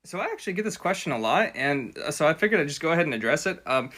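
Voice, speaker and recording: A woman doing a mock-serious young man in a comedy skit. The voice is low, bright and lively in pitch. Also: racing, heavily acted.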